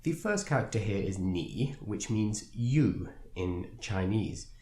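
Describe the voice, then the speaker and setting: A man talks through a language lesson in a patient, explanatory way, pausing now and then on a filler. His voice sits fairly low and sounds warm and mellow. The recording carries a noticeable room echo. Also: animated. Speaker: language teacher. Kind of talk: instructional video narration. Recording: roomy echo.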